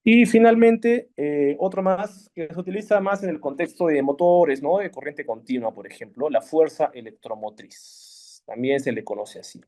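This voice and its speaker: A man's voice: a little high, normal speed, warm tone. A man giving a casual classroom lecture on electricity, often checking in with his listeners. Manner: chatty, checks in with frequent "¿sí?" and "¿no?". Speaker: electricity teacher.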